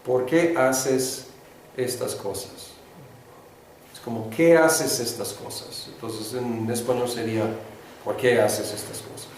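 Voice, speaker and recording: Man lecturing slowly in a very echoey room, far from the mic, lots of ums and restarts, faint hiss. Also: medium pitch, a little mellow. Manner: hesitant, many fillers and restarts. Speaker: Greek teacher. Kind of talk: classroom lecture with call-and-response.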